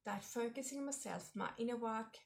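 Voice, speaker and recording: Speaking briskly in a gravelly, slightly high voice, a forties-aged woman recounts personal stories on her own vlog. Her storytelling is warm, reflective and chatty, peppered with plenty of fillers.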